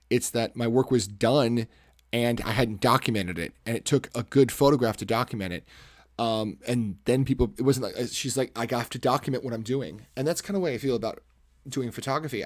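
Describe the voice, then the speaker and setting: With a medium-pitched, commanding voice that sounds like a salesman, this man chats casually to viewers while sketching on his art livestream. He rambles and corrects himself often. The recording is dry, with the microphone close to his face.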